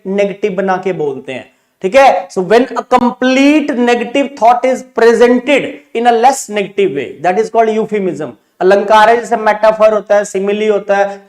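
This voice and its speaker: A male English teacher with an Indian accent, explaining grammar in a mixed Hindi-English online class. He keeps checking that students understand, and he slows down sharply when he reads out example sentences in English. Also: very high voice. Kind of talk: online exam-prep class.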